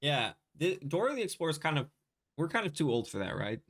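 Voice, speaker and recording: A man's voice: on the high side, very animated, fast, a bit bright, breathy edge. A man co-hosting a podcast in casual chat, laughing often and trailing off into restarts. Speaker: podcast co-host. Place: living in Korea.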